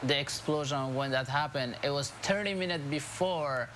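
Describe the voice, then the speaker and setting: Halting Afghan-born man in an interview. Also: a little high, a bit bright, a little hiss or hum. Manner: halting, many fillers, emotional. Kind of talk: news interview.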